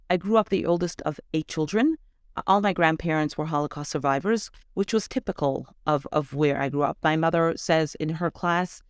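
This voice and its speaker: A middle-aged Canadian woman with a North American accent speaks as an interview guest, sharing a conversational personal account as an education advocate. Her voice sits low and smooth, recorded at studio quality with no echo.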